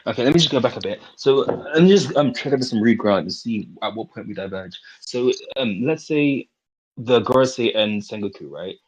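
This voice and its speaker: Husky-voiced man laying out arguments fast. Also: medium pitch, animated, low-quality recording. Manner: methodical, builds step-by-step analogies. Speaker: debater. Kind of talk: casual debate.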